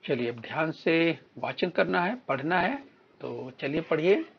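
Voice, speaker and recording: Slow husky male teacher, lo-fi. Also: a little high, lively intonation. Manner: slow, drawn-out word-by-word reading for children to repeat. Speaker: primary school teacher. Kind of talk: recorded Hindi lesson for young children.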